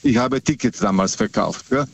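A man's voice: on the low side, lively intonation, gravelly, muffled recording. Middle-aged male caller over the phone. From Serbia. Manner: hesitant, halting with many filler sounds. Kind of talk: casual chat.

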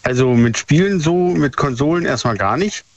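Ein Mann in seinen Fünfzigern aus der ehemaligen DDR ruft bei einer Radiosendung an und erzählt stockend mit vielen „ähm“. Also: male voice, fairly high pitch, animated, normal speed, no room sound. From former East Germany. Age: 50s. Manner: hesitant, many fillers. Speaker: caller. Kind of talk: phone call to radio show. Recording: muffled phone line, faint noise.

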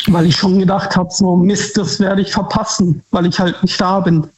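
A man's voice: high voice, level tone. A man calling into a radio show, talking hesitantly with lots of ums. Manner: hesitant, many ums, slow. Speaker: caller. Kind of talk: casual phone-in chat. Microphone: phone. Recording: dull, echoey phone line.

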